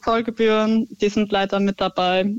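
A woman's voice: medium pitch, flat delivery, moderate pace, clear, resonant tone, no room sound, dull audio. A woman calling in to a radio show, speaking in an upbeat way. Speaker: caller. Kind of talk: radio call-in.

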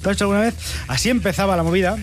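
A man's voice: sits high, rapid-fire, soft background music. A man from hosting a satirical news commentary, with ironic, sarcastic asides. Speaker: host.

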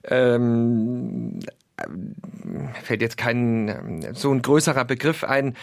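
Earnest male discussant, halting fillers, dry close mic. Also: mid-range voice, dry recording. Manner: earnest, many filler pauses, acts out quotes. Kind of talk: conversational discussion.

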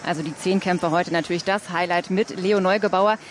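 A woman giving a lively, spontaneous live radio report from a stadium. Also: on the low side, fairly quick, a little hiss or hum.

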